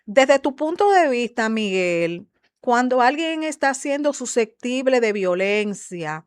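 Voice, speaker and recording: A woman's voice: on the high side, big pitch swings, takes it slowly, clean tone, no room sound. A woman hosting a talk show who addresses the audience directly and puts questions to her guest. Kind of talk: casual talk show discussion.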